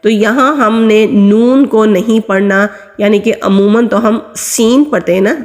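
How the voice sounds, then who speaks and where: Woman teaching how to say letters, patient and slow, mid pitch, lots of reverb like a hall. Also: fairly even intonation, darkish tone. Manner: explains sounds patiently, then recites letters slowly and drawn out. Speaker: Quran reading teacher. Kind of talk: step-by-step recitation lesson.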